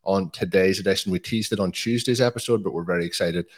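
A man's voice: low-pitched, quick pace. A man from Donegal with a west of Ireland accent, hosting a podcast in a casual, chatty style. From Donegal, northwest Ireland. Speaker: podcast host.

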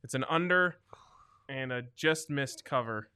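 A man's voice: medium pitch, unhurried, sharp tone, smooth. A man hosting a sports betting show in a casual, conversational style.

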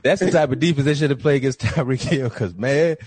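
Chatting casually about sports, this podcast co-host spins animated stories and mimics the coaches he's quoting. He has a mid-range, slightly mellow voice with a breathy edge and a somewhat fast pace, while faint music plays behind him.

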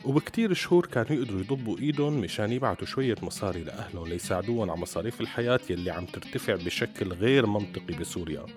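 Male narrator, Syrian Arabic accent, lowish pitch, brisk scripted storytelling over music. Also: lively intonation. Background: music behind the voice.

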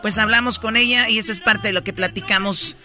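Very high, bright radio host. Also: male voice, steady tone, a little fast, soft background music. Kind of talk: show segment introduction.

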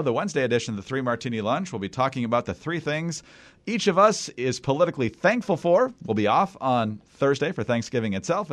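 Bantering podcast host, lively delivery. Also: male voice, mid-range voice. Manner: bantering, reads news aloud. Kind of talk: casual political chat.

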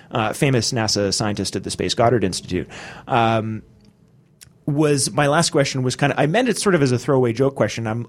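A man hosts a podcast at a quick clip. His talk rambles, full of fillers and restarts, in a voice of middle pitch. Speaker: podcast host. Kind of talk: casual podcast discussion.

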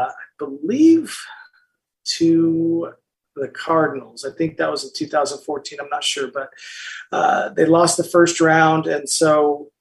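A man, an author and interview guest, telling a story in a casual, animated way with frequent restarts and bits of quoted dialogue. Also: a little high, gravelly, low-quality recording.

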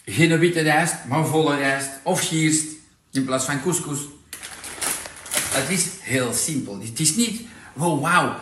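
A man with a Flemish accent presenting products in a casual, persuasive sales pitch, full of tag questions. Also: takes it slowly, echoey room, background noise.

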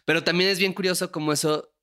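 A young adult man with a Mexican Spanish accent hosts a casual podcast conversation in a high-pitched, pushed and bright voice, steady in tone and quick. He laughs often and ends his thoughts with tag questions.

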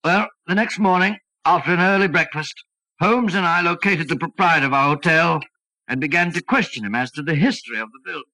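Doctor Watson, bright, fussy British gentleman. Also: on the high side, a little fast, rough recording. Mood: reminiscing. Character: fussy, loyal, nervous older male doctor companion. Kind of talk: 1940s radio acting. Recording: vintage 1940s radio drama recording.

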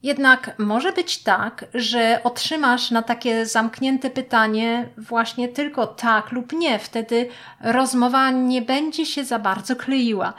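A woman teaching a German lesson, reading example sentences aloud and repeating them with careful, clear pronunciation. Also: fairly high pitch, slow, fairly bright tone. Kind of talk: slow scripted language lesson.

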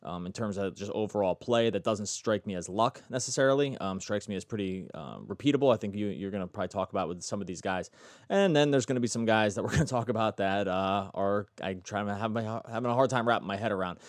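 A man's voice: fairly low pitch, fast talker, no echo, studio quality. A man hosting a sports betting podcast, chatty and self-correcting as he talks. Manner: chatty, self-correcting, asks guest questions. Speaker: podcast host. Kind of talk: casual podcast talk.

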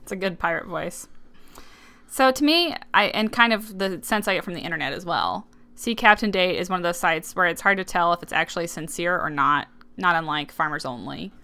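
A woman co-hosts a casual podcast with a bright, crisp voice. She talks in a wry, skeptical way and sounds amused by what she describes. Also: on the low side, fairly quick. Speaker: podcast co-host.

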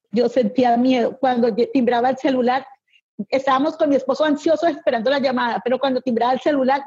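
Anguished middle-aged woman, husky. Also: high-pitched, darkish tone, lo-fi sound. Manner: anguished, emotional storytelling. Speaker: interviewee. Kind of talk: personal testimony.

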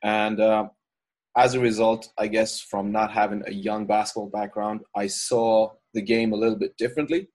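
Guest: male coach, lowish voice, easygoing and reflective. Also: little pitch movement, normal speed, a little mellow. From Ireland. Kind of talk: casual podcast interview.

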